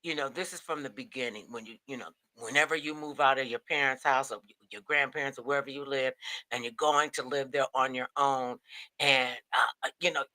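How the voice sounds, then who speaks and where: Middle-aged woman, co-host, casual storyteller, bright tense tone, dry close sound. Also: a bass voice, brisk, no room sound. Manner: storytelling, animated quoting, frequent restarts. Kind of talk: casual chat.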